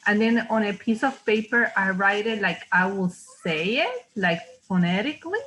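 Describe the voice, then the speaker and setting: A woman's voice: mid-range voice, lively intonation, moderate pace, fairly bright tone, poor audio. A woman from Puerto Rico with a Puerto Rican Spanish accent, a native Spanish speaker, sharing thoughtful conversational remarks in a panel discussion.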